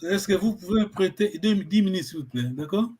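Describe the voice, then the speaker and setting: A man from Congo runs a relaxed language lesson in a high, light voice. He talks in a halting way, full of fillers and restarts, as he searches for the right word. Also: husky. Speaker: Kikongo language teacher. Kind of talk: informal online language lesson.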